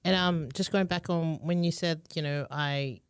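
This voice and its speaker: A podcast co-host chats casually, thinking aloud with many pauses and fillers. The voice is mid-pitched. It is recorded dry and close, with no room sound. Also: fairly even intonation, smooth, dry recording. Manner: thoughtful, hesitant, many fillers. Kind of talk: casual chat.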